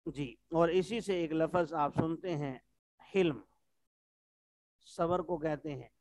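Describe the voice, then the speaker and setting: A man teaching an online religious lesson, patiently explaining Arabic words and checking in with his students. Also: fairly high pitch.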